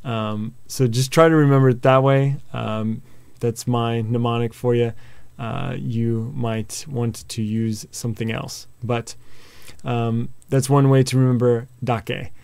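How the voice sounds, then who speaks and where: A man teaching a video lesson, patiently explaining with examples and memory tricks, often pausing on filler sounds. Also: mid-range voice, level tone, vocal fry, darkish tone, clear, resonant tone, no room sound. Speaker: language teacher.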